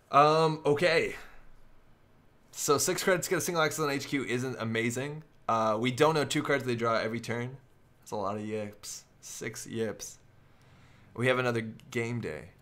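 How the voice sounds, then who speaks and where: Guy talking thru a card game live, casual, mid pitch voice, figuring out plays out loud. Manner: thinks aloud, working through plays step by step.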